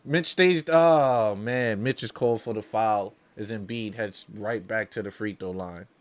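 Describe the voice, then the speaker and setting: Speaking at a moderate pace with a fairly low pitch, this man runs a watch-along, giving live basketball commentary like a die-hard fan. His talk is slangy, and he keeps repeating phrases to drive points home.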